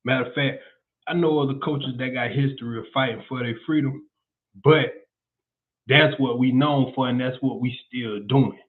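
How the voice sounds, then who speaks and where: A man's voice: medium pitch, fairly even intonation, moderate pace. Blunt Southern man on a phone-like line. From Central Florida, US South. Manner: blunt, profane, frequent "you know what I'm saying". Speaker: podcast host. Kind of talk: casual podcast monologue. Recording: tinny phone-like sound.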